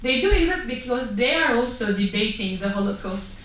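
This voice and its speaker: An impassioned woman addresses a panel, emphatic and full of rhetorical questions. Her voice sits a little high and comes from a distance in a very echoey hall. Faint room noise lies under her words. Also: expressive, normal speed, fairly bright tone. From Syria. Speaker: panel speaker.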